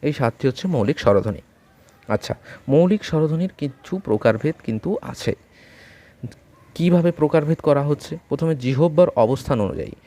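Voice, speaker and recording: A man teaching an online phonetics lesson from home with a Bengali accent, speaking slowly and patiently and repeating vowel sounds for learners to copy. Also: on the high side, expressive, warm tone. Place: home during a storm.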